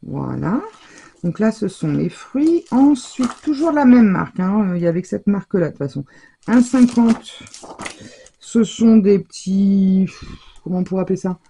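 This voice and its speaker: A middle-aged woman presenting her craft shopping haul in a casual, chatty way, hesitating often and filling pauses as she goes. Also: mid-range voice, animated, vocal fry, dark tone, breathy edge. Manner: chatty, hesitant, full of fillers and self-corrections.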